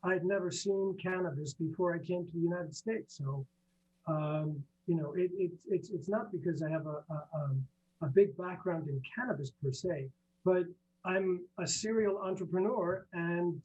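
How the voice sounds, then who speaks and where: A high-pitched man from Iceland speaks in halting bursts, full of fillers and restarts. His voice comes through a dull, muffled remote line with a faint hum underneath. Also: darkish tone. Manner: halting, repeats words, many fillers. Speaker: guest, business professor. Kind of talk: interview answers.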